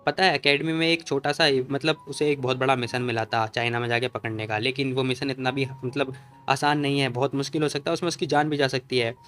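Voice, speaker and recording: A man's voice: medium pitch, fairly even intonation, brisk, a bit bright, faint music behind, lightly acted. A man voicing an edgy male bodyguard in a comic recap, speaking in an anxious, questioning way.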